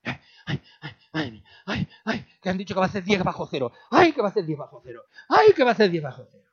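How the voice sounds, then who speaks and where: A man's voice: high-pitched, sing-song, brisk, slightly rough, full character voice. A man doing a whiny cold-fearing complainer. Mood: whining. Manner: fretful repeated sighs. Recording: dull lo-fi recording.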